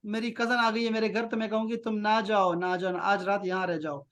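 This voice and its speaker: A man from Pakistan teaching Arabic to children in an online lesson, patiently repeating short phrases slowly and praising often. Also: high-pitched, level tone, fairly bright tone. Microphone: video call.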